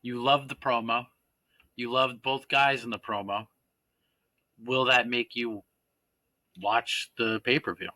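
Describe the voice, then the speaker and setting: Bright-voiced rambling podcast co-host man. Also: mid-range voice, fairly even intonation, slow pace, long pauses, no echo, low-quality recording. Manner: chatty, rambling, hedging asides. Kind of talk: casual chat.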